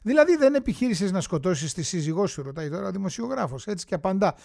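A man's voice: sits high, very animated, gravelly, warm tone, no room sound, studio quality. A man reading an old newspaper story aloud, acting out the quotes and dropping wry, chatty asides to his listeners.

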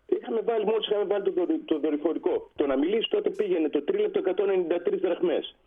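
Over a tinny phone line, a retired sea captain who served on ships tells a story as a radio interview guest. His voice is high-pitched with a breathy edge, and he's animated, acting out the quoted dialogue.

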